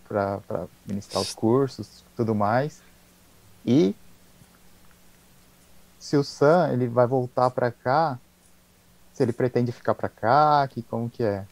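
Male participant, earnest, halting delivery. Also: mid-range voice, darkish tone, no echo, poor audio. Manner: hesitant, earnest, many restarts. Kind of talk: casual chat.

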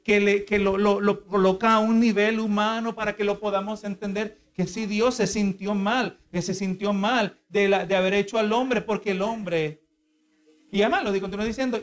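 A man preaching a sermon in a teaching tone, asking the congregation rhetorical questions. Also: sits high.

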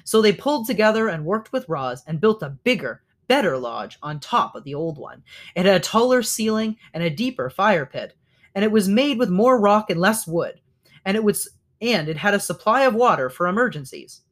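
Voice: mid-range voice, very animated, normal speed. A reader reading a children's novel aloud, now and then stopping to correct slips.

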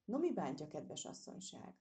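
A woman voicing a grumbling, slow-witted uniformed park keeper who mutters to himself, in a storybook reading. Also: sits low, sing-song, mellow.

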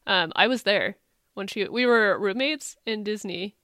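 A woman's voice: mid-range voice, a little slow, dry recording, studio quality. A young woman co-hosting a podcast, telling stories casually with lots of likes and laughter. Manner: animated storyteller, laughs often, says like. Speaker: podcast co-host. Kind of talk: casual chat.

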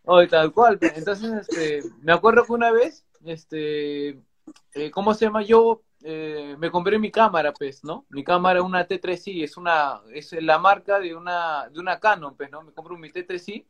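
A man's voice: high-pitched, normal speed. A young man with a Peruvian Spanish accent, telling an anecdote in a casual, slangy chat full of swearing and fillers. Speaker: livestream co-host. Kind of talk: casual storytelling.

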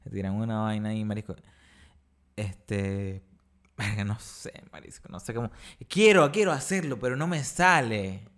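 A man's voice: fairly low pitch, moderate pace, fairly bright tone. A young man with a Venezuelan accent, hosting a podcast in casual chat, slangy and repeating himself. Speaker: podcast host.

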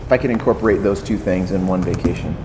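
A man's voice: low voice, quick pace. A man being interviewed in a casual chat, giving easygoing, rambling answers. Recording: echoey hall with background noise.

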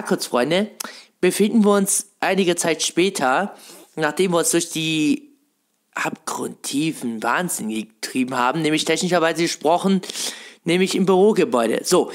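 A man hosting his own video show, rambling through casual game commentary with lots of fillers and pet phrases, a frog in his throat. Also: sits high. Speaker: video host.

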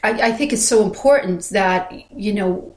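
A woman co-host talks in a roomy, echoing space. Her delivery is reflective and casual, feeling its way forward with halting, repeated phrases. Her pitch sits in an ordinary female range. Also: darkish tone. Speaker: podcast co-host. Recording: roomy, echoey sound.

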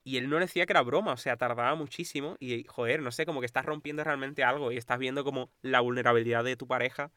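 A man's voice: mid-range voice, fast, few pauses, smooth, no room sound. A young man from Spain co-hosting a casual podcast chat, retelling stories and acting out quotes. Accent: Spain Spanish. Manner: animated storytelling, acting out quotes, frequent laughter. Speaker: podcast co-host.

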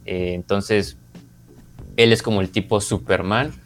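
A man's voice: on the low side, fairly even intonation, unhurried. A man with a Mexican accent co-hosting a podcast, giving a casual, informal review and often rephrasing as he explains. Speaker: podcast co-host and series reviewer.

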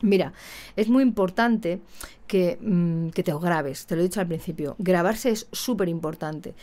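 A woman's voice: on the low side, a little slow. A woman who teaches singing, talking casually to her viewers and acting out her students' voices as she goes. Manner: chatty, lively, acts out her students' voices. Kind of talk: casual talk to camera.

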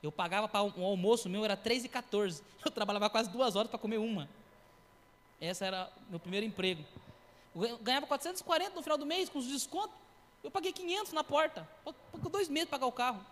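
A high-pitched man preaching a testimony in church, spinning his story with acted quotes and noises. His voice carries a long reverb from the hall around him. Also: fast talker. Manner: animated storytelling with acted quotes and sound effects. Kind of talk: sermon testimony.

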